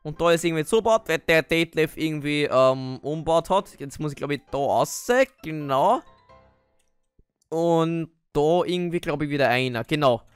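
A man's voice: a little high, normal speed, smooth, dry recording, faint music behind. Austrian gamer man, hesitant and jumpy. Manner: hesitant, full of fillers, bursts into panicky yelps. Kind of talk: Minecraft role-play let's play.

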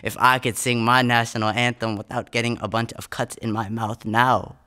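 A young American spoken word poet performs poetry and answers interview questions, recorded close on a studio condenser microphone. His medium-pitched voice is bright and forceful yet flat in delivery, at a moderate pace.

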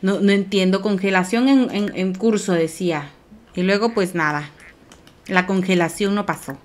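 A female game streamer gives casual let's play commentary at a moderate pace, talking both to herself and her viewers. She rambles and breaks into high squeals whenever something cute appears.

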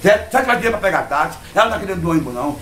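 An excitable man rattles off a comic tale, jumping into other people's voices and sound effects. He speaks quickly and sits fairly high for a man, and the room around him rings with echo. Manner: excited, rambling, acts out quotes and sound effects. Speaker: comedian telling a story. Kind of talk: comic storytelling monologue.

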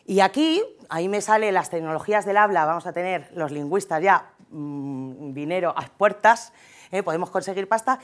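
A woman's voice: on the low side, moderate pace. Chatty jokey Spanish-accented woman speaker. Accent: Spain Spanish. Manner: chatty, jokey, keeps tagging lines with "¿eh?". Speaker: conference speaker. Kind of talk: humorous conference talk.

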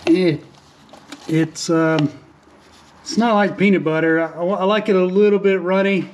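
A boat refit vlogger with a high male voice narrates his work outdoors on a sailboat deck, speaking a little slowly. His casual how-to commentary is relaxed and plainspoken, with frequent "uh" fillers and restarts.

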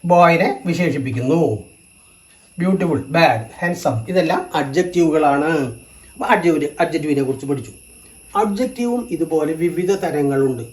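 A teacher walks through a grammar lesson, repeating every term and example slowly, in two languages. The voice sits at a middle pitch. The room rings with noticeable echo. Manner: slow and repetitive, stating each term in two languages.

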